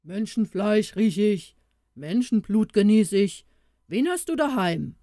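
A woman voicing a brutish, all-knowing male ogre in a fairy-tale audiobook, gruff and grumbling. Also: mid-range voice, big pitch swings, slow, mellow, no echo, studio quality. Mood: roaring. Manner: gruff, growling.

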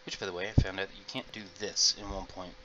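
A middle-aged gaming host talks fast in a low, level voice, rambling to viewers as he plays through casual let's-play commentary. The audio is dull and comes from a noisy home mic.

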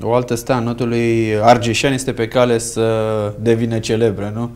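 A man's voice: medium pitch, flat delivery, a little mellow. A man hosting a local TV sports show, putting questions to his guest in the studio. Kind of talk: studio interview.

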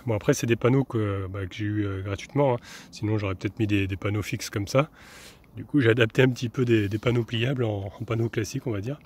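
A young vanlife vlogger talks casually through a DIY build, partly up on his camper van roof outdoors, chatting as he works with lots of fillers and restarts. His voice is lowish, steady and a little mellow, and he speaks fast. There's a slight hiss or hum on the recording.

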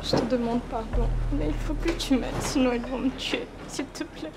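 A desperate, pleading dealer. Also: female voice, high voice, fairly even intonation, normal speed, heavy background noise. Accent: Senegalese. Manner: pleading, tearful. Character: desperate young woman pleading for her life. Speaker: indebted dealer begging her boss. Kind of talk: TV drama acting.

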